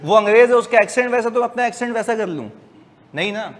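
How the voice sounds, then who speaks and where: A man's voice: sits high, quick pace. A man, giving a casual, joking lecture to a class of accounting students. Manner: chatty, joking, lively asides to students. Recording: distant voice in a reverberant room, faint hiss.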